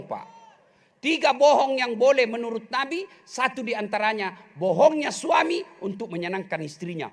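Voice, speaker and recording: A middle-aged man preaching a humorous sermon, joking and speaking straight to the congregation. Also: high-pitched. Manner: animated, joking, addresses the congregation directly.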